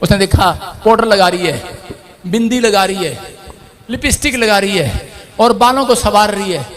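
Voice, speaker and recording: High-voiced, impassioned male preacher. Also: normal speed. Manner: impassioned, rising to shouts, jokey storytelling. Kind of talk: sermon.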